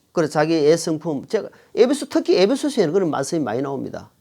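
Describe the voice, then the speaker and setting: A middle-aged man delivers a sermon as pastor. His pitch swings widely as he leans on key phrases, repeating them to drive the point home, and he pauses to read scripture aloud to his congregation. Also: big pitch swings, gravelly, a little mellow. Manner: emphatic, repeats phrases for stress.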